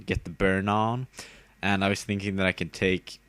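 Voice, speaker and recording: A man's voice: sits low, flat delivery, normal speed, a bit bright, smooth, no room sound. A tired young man casually commenting on his own game battle, rambling with fillers and giggling at himself. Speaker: gamer narrating his battle.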